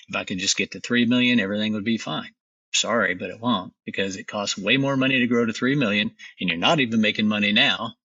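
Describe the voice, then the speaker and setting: A man's voice: on the low side, sharp tone, slightly rough, no room sound, distant mic, lo-fi sound. A middle-aged man, a company founder, talking confidently and emphatically as a guest in a business interview.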